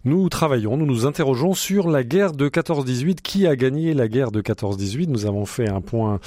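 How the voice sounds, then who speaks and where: A man hosting a radio interview, presenting in a measured, formal way. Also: mid-range voice, expressive, warm tone, dry recording, studio quality. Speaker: radio host. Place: radio studio.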